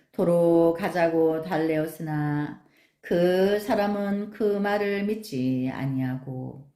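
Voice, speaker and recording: A woman recites Buddhist scripture in a slow, measured, solemn voice. Her tone is low-pitched and mellow. The room around her is echoey. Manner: measured, solemn, unhurried reading. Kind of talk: slow, even sutra recitation.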